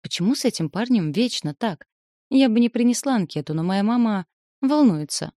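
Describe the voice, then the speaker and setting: A woman voicing a sharp-tongued, irritable young female student with clipped, sarcastic retorts, in an audiobook. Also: fairly high pitch, expressive, normal speed, dry recording, studio quality, voice pushed up, close to an everyday voice. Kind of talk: audiobook character voice.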